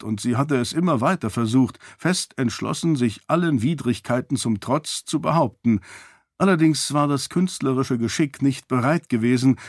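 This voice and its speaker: A man narrating a story in a steady, even storytelling manner. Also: mid-range voice, no echo, clean studio sound. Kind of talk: audiobook narration.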